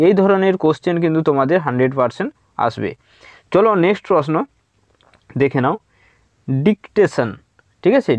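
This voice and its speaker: A man's voice: on the high side, no echo. Teacher man with a dull, dry recording. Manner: reads English questions slowly, explains in Bengali; repeats "thik ache" as a filler. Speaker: exam prep teacher. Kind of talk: online exam-prep lesson. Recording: dull lo-fi dry close mic.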